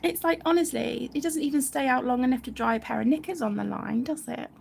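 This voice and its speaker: A high, fast, creaky and slightly mellow voice belongs to a British woman hosting an adult colouring channel, with a little background noise audible. She chats casually while colouring live, wandering from topic to topic and cutting herself off often.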